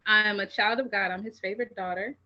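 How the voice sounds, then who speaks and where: A woman's voice: medium pitch, fairly even intonation, quick pace, bright, forceful tone. A woman from Buffalo, a mental health counselor, speaking as a confident, playful guest over a video call. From Buffalo, New York. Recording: dull lo-fi call audio.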